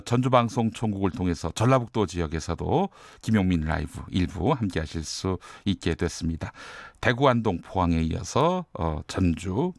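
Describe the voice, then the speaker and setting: A man's voice: lowish voice, no echo, studio quality. A man hosting a radio show, delivering an indignant editorial commentary and show opening. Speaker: radio host.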